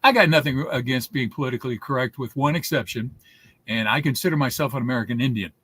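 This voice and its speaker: A man's voice: mid-range voice, fast, a bit bright, breathy edge. A man in his seventies, a guest telling stories in a casual interview, rambling with many restarts. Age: 70s.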